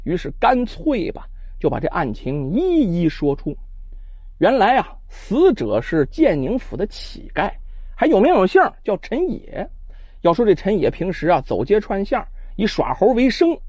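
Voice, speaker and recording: A man telling a traditional folk tale with animated, chatty asides to the listeners. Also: high-pitched, measured pace, no echo, dull audio. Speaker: storyteller. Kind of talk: traditional Chinese storytelling.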